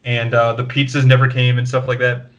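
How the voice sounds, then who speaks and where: A man's voice: medium pitch, completely flat delivery, brisk. A young man co-hosting a casual podcast chat, joking and rambling, often laughing at his own jokes. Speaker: podcast co-host. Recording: dull lo-fi podcast audio.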